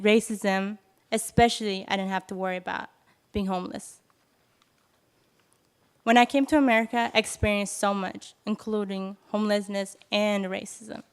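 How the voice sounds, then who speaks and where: A woman in her twenties from Ethiopia, nervously giving a prepared speech at a press event, with halting self-corrections. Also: mid-range voice, clear, resonant tone. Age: 20s. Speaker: youth speaker at a press event.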